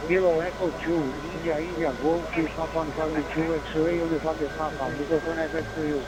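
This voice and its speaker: A man's voice: a little high, level tone, brisk. A Brazilian man with a Portuguese accent, heard over a radio link, making a polite contact and spelling out call signs in phonetic letters. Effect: heard over a shortwave radio link. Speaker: ham radio operator. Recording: noisy radio reception, heavy static.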